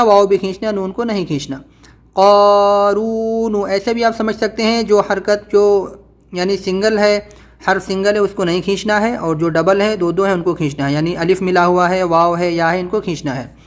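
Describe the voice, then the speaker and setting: High-voiced man teaching Quran reading. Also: fairly even intonation. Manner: drawls letters slowly, then explains quickly. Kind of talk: spelled-out reading lesson.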